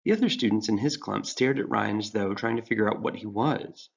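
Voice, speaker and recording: A man reads a story aloud in a dry, wry way. His voice sits low with a gravelly edge, and the recording sounds dull and lo-fi, as if from a home setup. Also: fairly quick. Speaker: narrator. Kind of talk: scripted storybook narration.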